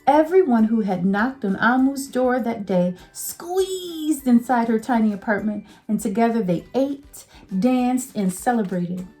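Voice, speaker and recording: A woman teacher reading a picture book aloud to children, slow and expressive. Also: a little high, soft background music.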